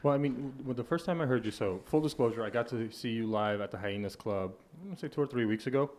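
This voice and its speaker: A man in his thirties with a mid-range, slightly mellow voice talks fast as he hosts a podcast from his home studio, which has hexagon wall panels. His casual interview chat is thoughtful and rambling with restarts, recorded on a boom-mounted studio mic while he wears headphones.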